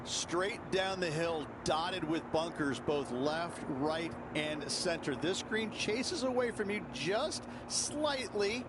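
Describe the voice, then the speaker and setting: A man's voice: fairly high pitch, animated, slow, background noise. A man giving instructive golf course analysis as game commentary, speaking directly to the player. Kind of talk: sports commentary in a video game. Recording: loud outdoor ambience behind commentary. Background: loud outdoor ambience.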